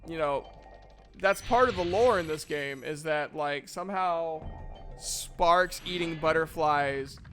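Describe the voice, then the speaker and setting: A man's voice: fairly high pitch, slow pace, fairly bright tone. Rambling, jokey young male streamer. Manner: rambling, jokey, lots of fillers. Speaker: streamer and voice actor. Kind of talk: casual gameplay commentary. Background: game music.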